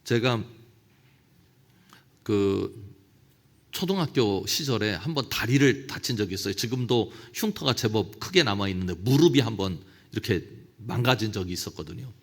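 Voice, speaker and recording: A man's voice: on the low side, lively intonation, normal speed. A middle-aged male pastor giving a lecture-style sermon at a church officers' seminar, telling stories and acting out quoted prayers. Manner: storytelling, with quoted prayers acted out.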